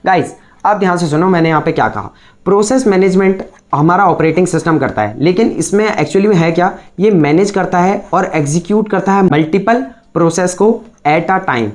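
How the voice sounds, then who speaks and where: A man's voice: high-pitched, normal speed. Man explaining step by step, checking in often. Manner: explains step by step, constantly checks in with "ठीक है" and asks rhetorical questions. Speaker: computer science teacher. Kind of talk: recorded classroom-style lecture.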